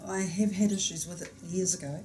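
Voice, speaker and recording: A woman with a New Zealand accent, a student in a class, talking softly and agreeably about her sore shoulder. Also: lowish voice, steady tone, a little fast, a little hiss or hum. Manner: soft, agreeable, brief replies. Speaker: student receiving therapy. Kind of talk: casual conversation in a class.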